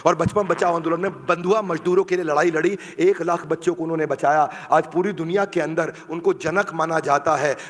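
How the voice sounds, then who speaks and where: A man's voice: a little high, fairly even intonation, fairly quick, hardly any pauses, in a large hall. A man giving a motivational seminar speech to a live audience, emphatic and repetitive, urging listeners to join in. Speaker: motivational speaker. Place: large hall with live audience.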